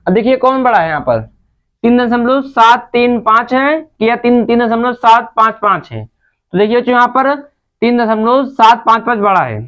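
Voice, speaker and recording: A woman's voice: fairly high pitch, normal speed, fairly bright tone. A woman teaching a maths lesson to children, patient and step by step, often calling out to the kids. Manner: patient, repeatedly addresses the children.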